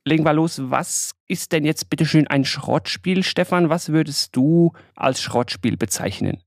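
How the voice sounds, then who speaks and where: A man hosting a casual podcast, his voice a bit higher than most men's. He talks in a relaxed, chatty way and steers the conversation with questions. The recording is dry and close. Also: a little slow, gravelly, no room sound. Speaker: podcast host.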